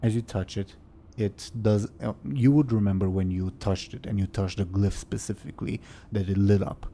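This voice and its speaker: A man narrating as game master of a tabletop game, in a relaxed, hesitant way with fillers. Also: on the low side, normal speed, a little hiss or hum.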